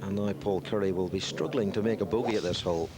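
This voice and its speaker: A man giving measured live television golf commentary, with dry, wry asides. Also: on the low side, background noise.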